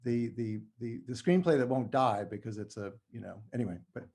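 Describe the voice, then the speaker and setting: A middle-aged writer from New Mexico in the United States is interviewed as a podcast guest. He talks casually and haltingly, often correcting himself, in a medium-pitched, slightly mellow voice.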